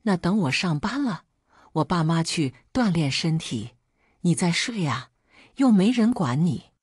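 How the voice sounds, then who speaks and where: A woman's voice: lowish voice, sing-song, unhurried, darkish tone, husky, dry recording, studio quality, heavily acted. A woman voicing a selfish, careless husband who talks impatiently and reproachfully.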